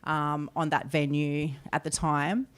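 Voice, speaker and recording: A woman's voice: sits low, little pitch movement, unhurried, clear, resonant tone. A woman with a far north Queensland Australian accent, chatting informally as a guest in a casual interview. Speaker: guest, theatre producer. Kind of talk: casual live interview chat.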